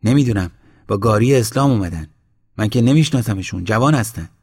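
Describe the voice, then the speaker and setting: A man voicing a village man who calls out loudly and urgently in a story reading. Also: fairly low pitch, lively intonation, husky, long reverb tail. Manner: loud, urgent calling.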